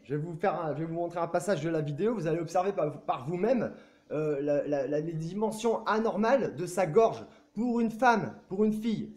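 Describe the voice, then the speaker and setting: A man with a notably high voice for his sex talks straight to his viewers in an excitable, insistent way. He repeats himself, keeps seeking their agreement, and lets casual swear words slip out. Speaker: video blogger. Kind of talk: casual talk to camera.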